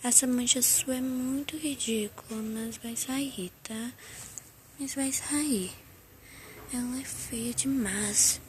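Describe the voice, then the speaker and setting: A woman's voice: fairly high pitch, slow, darkish tone. A woman voicing a gossipy, blunt young woman doll who reassures her friend, recorded at home with a noisy background. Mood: reassuring. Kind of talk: doll play-acting.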